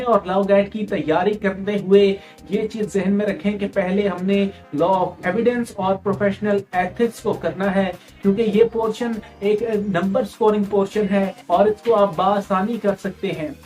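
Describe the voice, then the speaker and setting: This woman's voice is mid-range with a darkish tone. She has a Pakistani accent and teaches as an exam-prep tutor, repeating key points and weaving English terms into her explanations.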